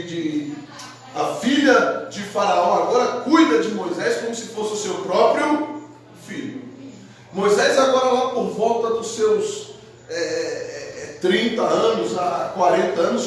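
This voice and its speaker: High-voiced pastor in an echoey hall. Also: male voice, distant mic. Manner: lively, colloquial, acts out characters. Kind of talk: teaching sermon, storytelling.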